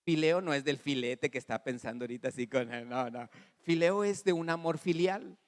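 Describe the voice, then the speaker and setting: A man with a Mexican Spanish accent preaching a sermon as pastor, animated, calling on the congregation to repeat after him. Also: fairly high pitch, brisk. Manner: animated preaching with audience call-and-response; acts out dialogue in varied voices. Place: church hall. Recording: long reverb in a church hall.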